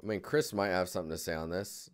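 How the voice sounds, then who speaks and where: A man's voice: sits low, fairly even intonation, fast talker. A man giving casual, rambling live critiques of digital art, thinking aloud as he clicks through images. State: yawning, tired.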